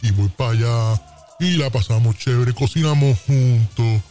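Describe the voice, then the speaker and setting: A man's voice: medium pitch, moderate pace, mellow, faint music behind. A man telling a comic story in a brash, playful way, acting out the scenes. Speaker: comedian.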